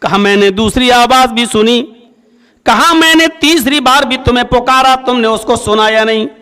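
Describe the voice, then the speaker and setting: A male Islamic preacher giving a sermon, telling a story and acting out its dialogue with swings in pitch. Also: normal speed, pushed and bright, clear, resonant tone, long reverb tail. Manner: storytelling, acts out dialogue with rising and falling pitch.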